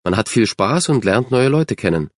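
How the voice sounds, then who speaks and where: A man's voice: mid-range voice, big pitch swings, normal speed, no echo, studio quality. A man voicing a self-assured, friendly young girl who stands up for others. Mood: confident. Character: confident, kind young girl, team captain.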